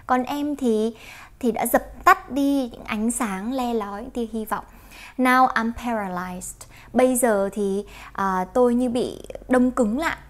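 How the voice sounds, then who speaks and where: Slow-speaking Vietnamese woman teaching English. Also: fairly high pitch. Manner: explains slowly, repeats words, sings lines. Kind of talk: song-based English pronunciation lesson.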